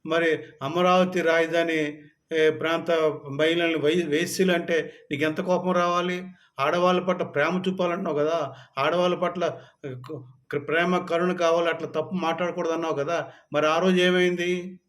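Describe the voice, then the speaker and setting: A man's voice: fairly high pitch, fairly even intonation, moderate pace, long pauses. Angry scolding man. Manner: scolding, rising to shouted anger. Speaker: political commentator. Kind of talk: angry political rant to camera.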